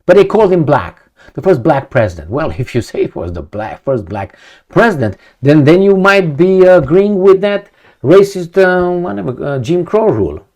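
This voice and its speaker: A man's voice: on the high side, sing-song, normal speed, darkish tone. A man from Romania, giving a rambling opinion monologue to camera, full of rhetorical questions and repetition. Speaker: video commentator.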